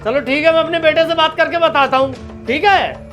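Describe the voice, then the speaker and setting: A man's voice: very high voice, a little fast, fairly bright tone. An actor playing the groom's father, fretful and exasperated, over background music. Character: worried father of the groom, man. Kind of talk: web-series family drama acting.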